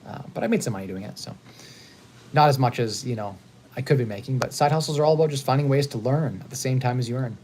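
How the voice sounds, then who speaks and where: A man in his thirties hosting a casual live stream, upbeat and talking in quick bursts with frequent restarts. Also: medium pitch, darkish tone, a little hiss or hum. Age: 30s. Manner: fast-talking, upbeat, repeats and restarts words. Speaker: host. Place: hotel.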